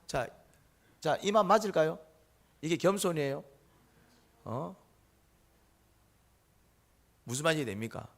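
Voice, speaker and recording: A middle-aged man preaching a Sunday sermon in a gravelly, somewhat high voice. His pitch swings widely as he asks the congregation question after question and answers them himself. Now and then he slips into the voices of the people he quotes. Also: expressive, moderate pace. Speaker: pastor.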